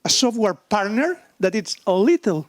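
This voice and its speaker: A man from Spain with a Spanish accent, presenting in halting, Spanglish-style non-native English, searching for words. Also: high-pitched, very animated, dry recording. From Barcelona, Spain. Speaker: software company presenter. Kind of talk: business presentation with questions.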